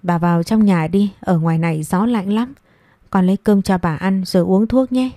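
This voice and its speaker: A woman's voice: medium pitch, moderate pace, dark tone, no room sound, studio quality, close to an everyday voice. A woman voicing a frightened young servant girl who pleads through tears in a storybook reading. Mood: pleading. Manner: pleading, tearful.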